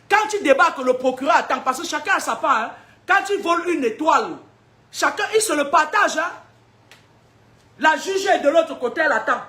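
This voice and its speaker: Woman seer, high voice, combative preaching, rhetorical questions, laughs between points. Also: fairly bright tone. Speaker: spiritual seer giving prophecies. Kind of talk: preaching spiritual warnings to an audience.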